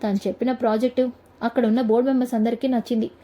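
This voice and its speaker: A woman's voice: fairly high pitch, little pitch movement, racing, mellow, lightly acted. A woman voicing a confident young man who teases his rival, in a retold family serial. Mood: explaining.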